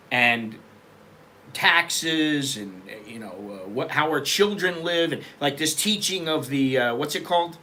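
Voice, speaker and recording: A middle-aged man from America talks in a loose, rambling vlog style, blunt and quick to swear. His voice sits a little high and rings bright and forward. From United States. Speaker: vlogger. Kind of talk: casual opinion vlog. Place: living in Bangkok.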